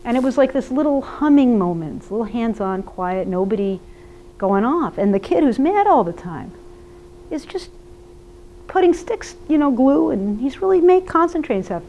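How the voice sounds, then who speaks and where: A woman therapist giving a lively, conversational workshop talk to an audience and asking them questions. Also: on the high side, moderate pace, a little hiss or hum. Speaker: therapist presenter. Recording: muffled lo-fi recording.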